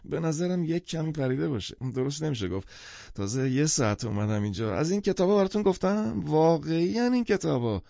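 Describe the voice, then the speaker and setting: A tipsy, wonder-struck middle-aged man, put on by a male audiobook narrator talks in a raised, gravelly voice that leaps up and down and stumbles over words. The recording is dull and lo-fi, with a dry, close sound. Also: on the high side, sing-song, mellow, no room sound, pitched above the performer's own voice. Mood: rambling. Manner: slurring, stammering, wonder-struck. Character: excitable half-drunk middle-aged man.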